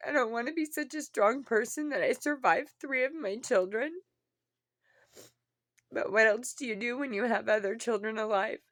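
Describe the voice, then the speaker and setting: A woman who sounds upset and tearful, as after crying, talking earnestly and haltingly in a personal confession to viewers, often repeating herself. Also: fairly high pitch, a bit bright, no room sound, clean studio sound. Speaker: vlogger.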